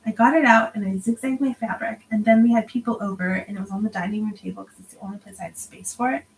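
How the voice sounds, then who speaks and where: A woman in her thirties chats her way through a crafting livestream, tired and yawning. She laughs at herself and often sinks into a half-whisper while counting stitches. A faint hum sits behind her voice, which is pitched in the usual middle range. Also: steady tone, quick pace, poor audio. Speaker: crafting vlogger. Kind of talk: casual chat while stitching.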